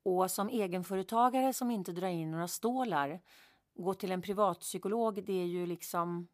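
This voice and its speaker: A woman's voice: fairly low pitch, no echo, clean studio sound. A woman telling a personal story in a vivid, emphatic way, repeating words for effect and correcting herself as she goes. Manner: vivid, emphatic retelling with repetitions and self-corrections.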